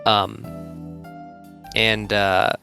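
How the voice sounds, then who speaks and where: A man's voice: lowish voice, level tone, drawn-out words, gravelly, bright, forceful tone. Young man, podcast co-host, casual rambling chat, filler-heavy, faint music behind. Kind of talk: casual anime review chat.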